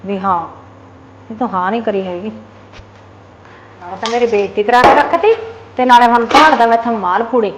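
An actress playing a sharp-tongued sister-in-law who scolds with sarcasm. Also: female voice, on the high side, a little hiss or hum, close to an everyday voice, rough recording. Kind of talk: Punjabi short film acting.

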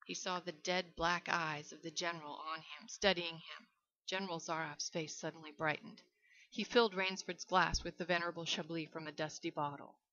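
Low bright-voiced woman reading. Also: steady tone, normal speed. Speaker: reader. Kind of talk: reading a short story aloud. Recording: dull lo-fi recording.

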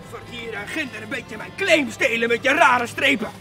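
A hapless gold prospector in a comic children's western, pitched extremely high. He whines and exclaims indignantly, everything hugely overdone. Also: moderate pace, loud music behind the voice. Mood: outraged. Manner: whiny, over-the-top, exclaiming.

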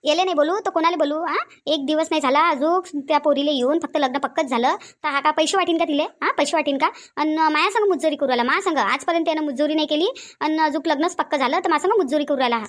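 A woman voicing a fast, nagging Varhadi mother-in-law. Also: high voice, natural voice. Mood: angry. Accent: Varhadi Marathi. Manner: nagging, repeats herself. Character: angry scolding middle-aged mother-in-law. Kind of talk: cartoon voice acting.

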